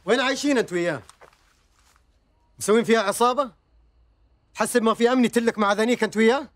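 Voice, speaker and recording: An actor playing a stern police officer who questions and gives brisk orders, in a TV comedy series. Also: male voice, very high-pitched, a bit bright, no room sound. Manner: brisk, commanding. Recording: TV soundtrack with faint music.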